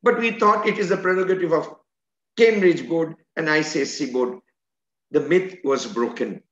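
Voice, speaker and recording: An older man, an educator and trainer, gives an earnest, emphatic online lecture over a video call from a room at home. His voice is fairly high in pitch at a normal speed, and the audio is roomy and dull, typical of a video call.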